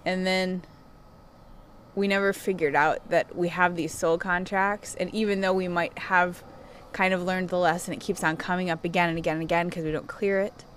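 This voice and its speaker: A middle-aged woman with a slightly low voice chats in the candid, confessional way of a self-help influencer. She speaks casually and personally, as if to followers. The recording is made outdoors, with some noise behind her. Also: steady tone, normal speed. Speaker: self-help vlogger who gives coaching sessions. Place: outdoors on a wooden deck. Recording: clear outdoor background noise.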